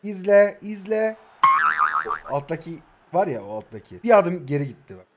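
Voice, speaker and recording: A man in his twenties from Kahramanmaraş, speaking with an Istanbul Turkish accent, chatting and joking excitedly while he commentates his own football video game. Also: on the high side, quick pace, loud music behind the voice. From Kahramanmaraş, Turkey. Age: 20s. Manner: excitable, jokey, chatty, shouting at his players. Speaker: mobile football gaming YouTuber. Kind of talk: live gameplay commentary.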